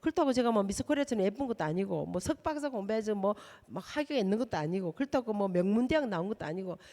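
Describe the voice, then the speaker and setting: A woman's voice: medium pitch, expressive, fast, mellow, long reverb tail. A middle-aged woman from South Korea, a missionary preaching a sermon and speaking directly and emphatically to the congregation. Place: church hall.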